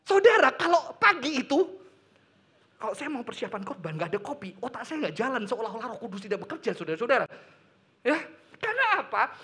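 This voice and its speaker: High bright voice, middle-aged guy from indonesia preaching, super lively, tosses in english words and slang. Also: brisk, husky. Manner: animated preaching, mixing in English phrases and casual slang. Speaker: pastor. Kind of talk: sermon.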